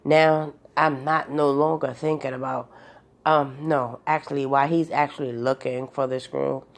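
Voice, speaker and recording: A woman with a strikingly deep voice and a gravelly rasp recounts a personal experience in a loose monologue. She wanders between details, fills pauses with ums and likes, and restarts her sentences often. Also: steady tone. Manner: rambling, with many fillers and restarts. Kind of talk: casual storytelling monologue.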